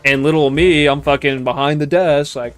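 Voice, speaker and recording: A man's voice: on the high side, normal speed, smooth, no room sound. Man in his twenties, laid-back streamer chatter over faint game music. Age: 20s. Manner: relaxed, rambling, swears casually. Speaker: gaming streamer. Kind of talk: casual gameplay commentary chatting with viewers.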